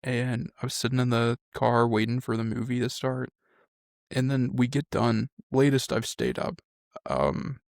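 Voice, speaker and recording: A man in his thirties riffing in a casual podcast chat, animated and playful. His voice sits mid-range and sounds close and dry, with little room around it. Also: medium pitch, a little slow, creaky, dry recording. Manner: animated, joking, says dude a lot. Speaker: podcast co-host.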